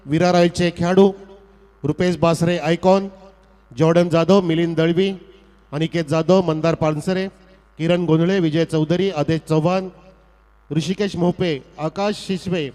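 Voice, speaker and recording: Male cricket announcer heard over a PA system at an outdoor ground; high, ornate delivery with a long loudspeaker echo. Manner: formal, flowery announcer delivery that rises sharply on big shots. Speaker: cricket match commentator. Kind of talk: live local cricket commentary.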